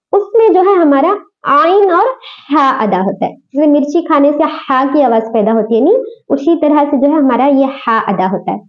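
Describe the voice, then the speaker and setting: Woman teacher, high voice; patient pronunciation lesson with many repeated sounds; muffled lo-fi audio. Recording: dull lo-fi recording.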